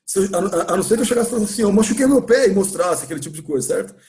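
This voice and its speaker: A man's voice: sits high, animated, rapid-fire, a little mellow. Patient Brazilian male English teacher. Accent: Brazilian Portuguese. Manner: patient, asks the class questions and repeats points. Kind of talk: classroom grammar lesson. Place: church classroom.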